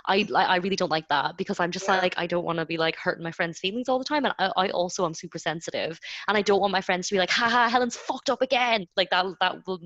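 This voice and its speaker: A woman's voice: fairly low pitch, fast talker, few pauses, fairly bright tone, dry recording, highs cut off. A young woman, chatting casually and animatedly as a podcast co-host, full of likes. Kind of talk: casual chat.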